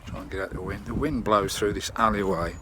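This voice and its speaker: In a noisy setting, a lowish male voice with a steady tone moves briskly. The English-accented vlogger gives a matey, colloquial running chat to viewers while doing the radio install on his parked campervan, filmed with a handheld camera microphone.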